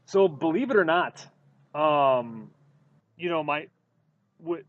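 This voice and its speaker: A man from Wisconsin co-hosting a sports podcast, telling stories in a casual, animated way with lots of fillers. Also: on the high side, takes it slowly, dull audio. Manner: animated storytelling with many fillers. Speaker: podcast co-host.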